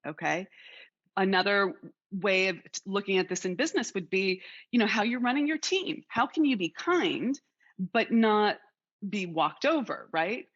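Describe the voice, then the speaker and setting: A woman's voice: mid-range voice, animated, moderate pace, a bit bright, lo-fi sound. A woman hosting an interview podcast, speaking thoughtfully, restarting phrases and steering the conversation. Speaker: podcast host. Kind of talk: casual interview chat.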